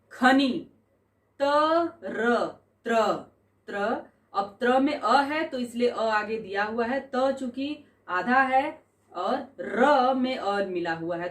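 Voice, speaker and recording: A woman teacher explaining a school language lesson, spelling out words sound by sound in a slow, deliberate way. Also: mid-range voice, echoey room, recorded from a distance. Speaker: Sanskrit teacher.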